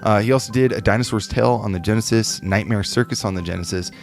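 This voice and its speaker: A man's voice: lowish voice, quick pace, gravelly, soft background music. A man co-hosting a podcast in casual, chatty talk with plenty of fillers. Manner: relaxed, chatty, with many fillers. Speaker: podcast co-host. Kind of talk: casual chat.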